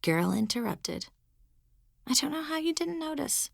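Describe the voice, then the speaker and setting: A woman's voice: high voice, very animated, measured pace, gravelly, no room sound, clean studio sound, pitched above the performer's own voice, exaggerated voice. A woman voicing a sarcastic, teasing dead teenage girl in an audiobook.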